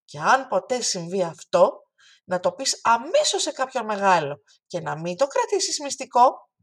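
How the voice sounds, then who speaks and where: A woman's voice: mid-range voice, sing-song, husky, voice pushed up. Woman voicing a kind talking hand. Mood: gentle. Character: friendly helpful talking hand, patient and kind. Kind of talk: storybook reading.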